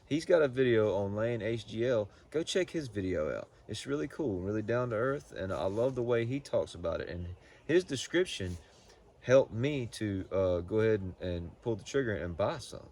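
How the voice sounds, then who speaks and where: A man giving a casual, unscripted product review in a halting, folksy way, often repeating words as he goes. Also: fairly low pitch, animated, darkish tone. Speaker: pipe tobacco reviewer.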